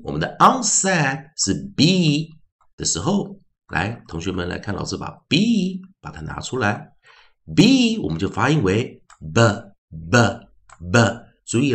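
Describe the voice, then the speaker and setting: A male English phonics teacher giving a classroom lesson, slowly repeating each sound and word in drills with a lively, teacherly pitch. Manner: slow drilled repetition of sounds.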